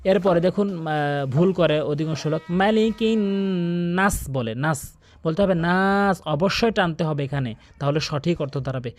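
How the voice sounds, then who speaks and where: A man's voice: on the high side, moderate pace. A man teaching Quran pronunciation in a video lesson, earnestly repeating corrections and stretching out practice words.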